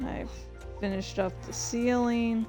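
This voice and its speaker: A woman with a steady voice on the high side speaks slowly over music as she hosts a livestream, chatting in a casual, rambling way while playing a game. The streamer, who also hosts a dramatic reading series, is easily distracted and swears freely.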